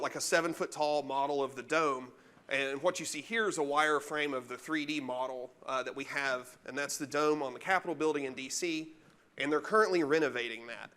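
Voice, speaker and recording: A man's voice: fairly high pitch, fairly bright tone, smooth. Casual man giving a tech meetup talk. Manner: casual, self-deprecating, chatty with the audience. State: allergies, chewing gum to hold off coughing. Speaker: guest speaker. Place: meetup room with a live audience.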